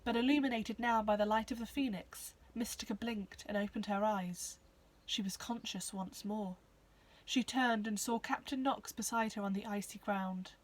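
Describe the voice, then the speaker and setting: A woman narrating a children's novel in a clear, expressive storybook reading. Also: mid-range voice, moderate pace, rough recording.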